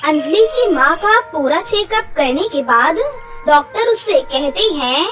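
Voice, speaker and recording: Slow, very high-voiced woman storyteller. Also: expressive, fairly bright tone. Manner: slow, clear storybook telling. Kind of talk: scripted narration. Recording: background music.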